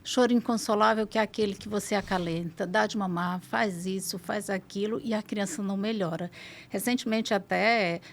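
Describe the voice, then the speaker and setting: Brazilian woman doctor explaining calmly. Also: mid-range voice, slight background noise. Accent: Brazilian Portuguese. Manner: explanatory, measured clinical tone. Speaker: pediatric gastroenterologist guest. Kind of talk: podcast interview.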